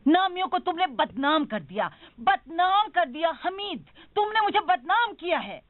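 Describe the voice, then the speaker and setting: High-pitched woman, scolding mother, insistent, dubbed drama, narrow lo-fi sound. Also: lively intonation, measured pace, no room sound. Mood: indignant. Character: indignant scolding older mother. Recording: tinny phone-like sound.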